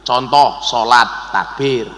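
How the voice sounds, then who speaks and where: A middle-aged man with a Javanese accent preaching a humorous sermon to a congregation, joking and chanting verses slowly. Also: medium pitch, sharp tone. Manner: jokey, switches between Indonesian and Javanese, chants verses slowly. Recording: long hall reverb.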